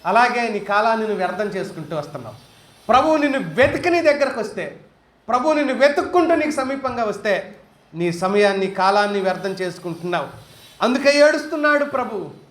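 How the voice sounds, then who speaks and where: A man's voice: very high-pitched, animated, brisk, a bit bright. A man preaching a sermon as a pastor, speaking emphatically and repeating key phrases as he tells a story. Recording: roomy hall echo.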